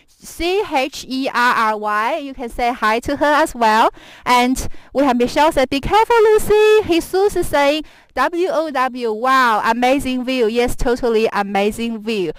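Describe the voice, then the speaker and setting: A woman with a fairly high, dry-sounding voice hosts a live stream as she walks outdoors in the snow. She chats in a giggly, talkative way and drifts between English and Mandarin as she addresses her viewers. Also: smooth, no room sound, low-quality recording. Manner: chatty and giggly, laughing often. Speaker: live stream host and guide on a walk. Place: outdoors on a snowy stretch of the Great Wall, walking. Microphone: handheld camera follows her while she walks.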